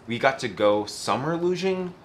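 A man's voice: medium pitch, animated, normal speed, a little hiss or hum. A man in his thirties chatting casually as a travel vlogger, seated outdoors by a camper in an easygoing, lightly joking way. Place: outdoors beside a camper trailer.

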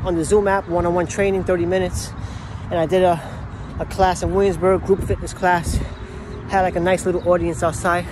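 A man in his thirties, a fitness trainer, chatting casually and crudely to his phone about his workouts. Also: high voice. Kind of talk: casual workout vlog chat, cursing. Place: outdoors in an open park. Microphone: handheld phone at arm's length. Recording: noisy outdoor phone recording, urban ambience.

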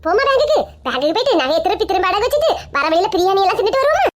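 A woman's voice: very high voice, sing-song, rapid-fire. A woman with a Kanyakumari Tamil accent voicing a scheming, bossy elderly mother-in-law in a comic family sketch. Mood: coaxing. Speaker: comedy sketch creator.

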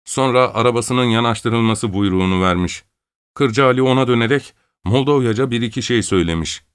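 Male audiobook narrator, measured storytelling. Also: mid-range voice, clean tone.

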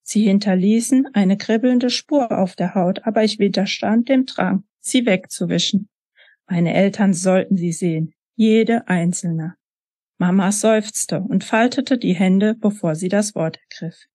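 A woman author reading her own first-person novel aloud in a soft, emotional way. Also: mid-range voice, measured pace, dry recording, clean studio sound.

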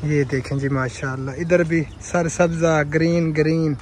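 This village vlog comes from a Pakistani man speaking in a slightly high, darkish voice with a steady tone and moderate pace, plus a little hiss or hum. Outdoors in fields and a courtyard, phone held out at arm's length, he chats piously and casually while showing viewers things.

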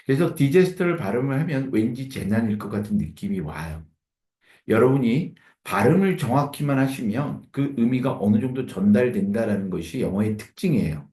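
A man teaching English pronunciation with a Korean accent, repeating words and syllables slowly so learners can copy them. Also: medium pitch, lively intonation, mellow, roomy sound. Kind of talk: pronunciation lesson.

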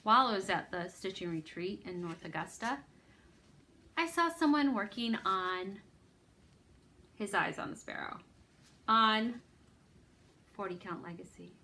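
A woman's voice: mid-range voice, animated, unhurried, pauses often, bright, forceful tone. A woman hosting a needlework video, chatting casually about her stitching projects in a rambling, self-deprecating way. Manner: rambling, self-deprecating, lots of ums and restarts.

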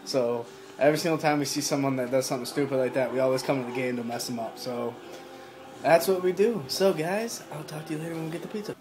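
With a noisy background behind him, a young man talks quickly at a medium pitch into his phone camera at arm's length. It's a casual, rambling vlog chat packed with fillers and restarts.

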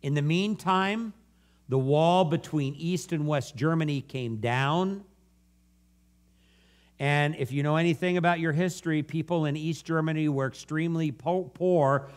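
A man preaching a sermon, earnestly telling a story that moves from animated to hushed. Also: a little high, unhurried. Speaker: guest preacher.

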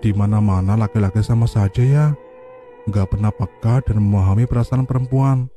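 A man narrating a horror story, reading in a steady, even storytelling way. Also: fairly low pitch, brisk, faint music behind. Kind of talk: scripted narration.

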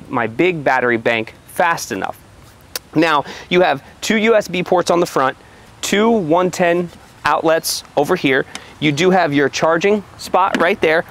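A man in his thirties talks casually to camera as a gear reviewer. His voice sits a little higher than average and has a crackly, gravelly fry. He is recorded outdoors on a small mic that adds hiss. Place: outdoors at an open car tailgate. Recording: loud hiss from poor microphone.

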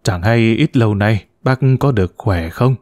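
A man's voice: lowish voice, moderate pace, a little mellow, dry recording, clean studio sound, soft background music, close to an everyday voice. A man reading a story, voicing a polite, somewhat flustered older grandfather who talks courteously and hesitantly.

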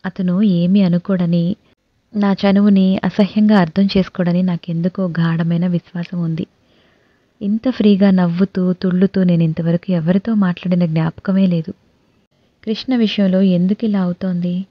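A woman narrating an audio novel in the first person, with lively, expressive storytelling. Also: on the low side, normal speed, dry recording. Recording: dull dry recording.

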